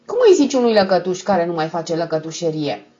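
A woman doing a loud mocking card player. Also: on the low side, expressive, lo-fi sound, close to an everyday voice. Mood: teasing. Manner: teasing, shouting.

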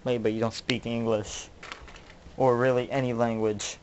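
A man's voice: medium pitch, little pitch movement, moderate pace, a little hiss or hum. A man hosting his own channel, acting out a melodramatic mock-detective comedy skit in which he questions his toys. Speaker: channel host.

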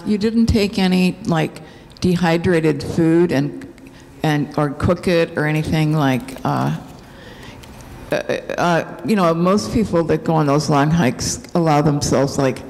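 Low-voiced woman asking from the audience. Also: creaky, a little mellow. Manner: casual, with fillers like "like". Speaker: audience member asking a question. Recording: distant echoey hall.

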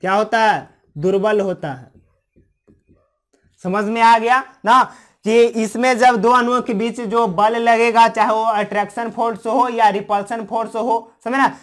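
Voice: mid-range voice, little pitch movement, unhurried, fairly bright tone. A chemistry teacher talks through a lesson in a repetitive question-and-answer rhythm. Each point is posed as a question to the class and then answered. Understanding is checked again and again, and key terms are restated a second time. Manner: repetitive, explains terms twice in two languages. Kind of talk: classroom lecture.

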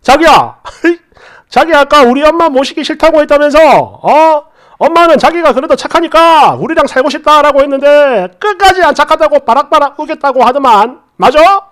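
A woman voicing a young husband who teases his wife in an amused, quick way, in a spoken story. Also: sits high, pitched above the performer's own voice, natural voice. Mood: teasing.

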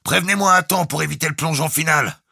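A gruff, irritable ship's engineer barking up a speaking tube, as a man acts him out in an audiobook. The voice is pushed well above the reader's own, with a gravelly rasp and a dry, close sound. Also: a little high, unhurried, sharp tone, dry recording, voice pushed up, exaggerated voice. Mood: irritated.

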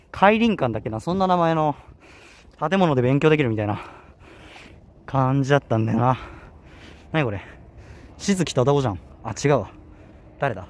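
A man's voice: mid-range voice, darkish tone. A young man with a Kanto accent talking casually while walking a hilly campus outdoors, slightly out of breath and often correcting himself. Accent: Kanto Japanese. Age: young adult. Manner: rambling, self-correcting, chatty. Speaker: vlogger. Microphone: handheld camera.

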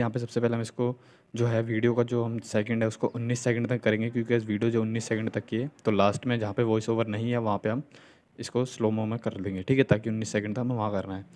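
A young man hosts a video editing tutorial, giving a casual step-by-step voice-over on a screen recording. His voice is on the low side and a little mellow, and he keeps dropping in check-in tags and filler phrases.

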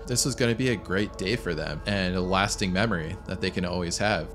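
Deep-voiced man narrating a true story. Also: fairly bright tone. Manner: measured, serious storytelling read. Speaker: channel narrator. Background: faint background music.

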